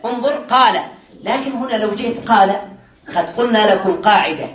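A man teaching a classroom lesson on Arabic morphology to students, drilling word patterns by repetition, quizzing them with quick questions he answers himself, and joking lightly. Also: high voice, fairly bright tone, reverberant. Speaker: Islamic studies teacher.

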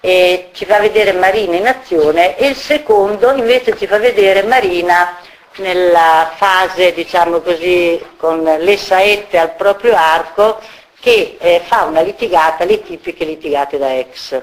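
Presenter with a mid-pitched voice to introduce readings, halting and informal. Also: poor audio. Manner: halting, with fillers and restarts. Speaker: book presenter. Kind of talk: introducing a reading at a book launch.

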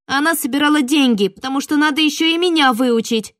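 A woman voicing a naive, flustered young sister in an audiobook, high and heated. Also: fast talker, fairly bright tone, dry recording, studio quality. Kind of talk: audiobook character voice.

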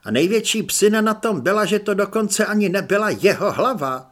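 A man doing a smug young vampire, higher and louder. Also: lively intonation. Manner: smug, superior. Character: pompous young male vampire recruit.

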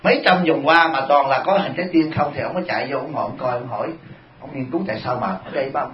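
A Buddhist monk with a medium-pitched voice speaks at a quick pace during a dharma talk, with crowd noise around him. He tells humorous, animated stories to the congregation, and the recording sounds echoey, dull, and lo-fi, like a hall.

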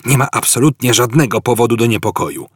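A man voicing a brash, excitable male spaceship captain in an audiobook, loud and boastful. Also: medium pitch, fast, breathy edge, dry recording, studio quality.

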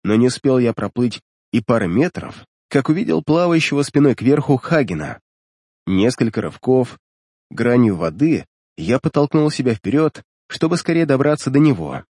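Man, audiobook narration, husky, dry close-miked sound. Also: mid-range voice, very animated, normal speed, warm tone, no echo. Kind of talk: first-person fantasy audiobook narration.

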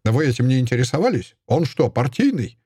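A gruff, curt male newspaper editor, as an audiobook reader voices him, gloomy and clipped, firing short questions. The voice is dark and husky. It sits close and dry. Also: medium pitch, very animated, a little fast, dry recording.

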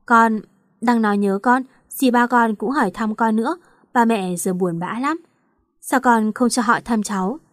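A woman reading the lines of a caring, sorrowful middle-aged aunt who talks slowly and motherly. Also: fairly high pitch, dry recording, studio quality, natural voice.

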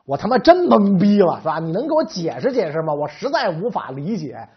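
A man's voice: high voice, big pitch swings, fairly quick, breathy edge, full character voice. A man voicing a flustered young male office secretary on his first day, stammering and exasperated. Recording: slightly dull lo-fi recording.

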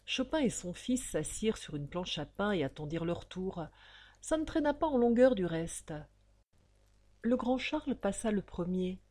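A woman reading a novel aloud, giving each character's line a loud, raised voice. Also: very animated, normal speed. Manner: acts out the characters' lines loudly and with raised pitch. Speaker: reader of a novel. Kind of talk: expressive audiobook reading.

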